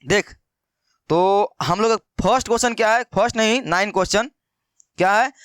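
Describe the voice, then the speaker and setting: A man's voice: high-pitched, normal speed, a bit bright, clear, resonant tone, no echo, clean studio sound. A man teaching maths in a casual, chatty way, repeating questions to his students and calling them brother. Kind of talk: casual Hindi maths lesson.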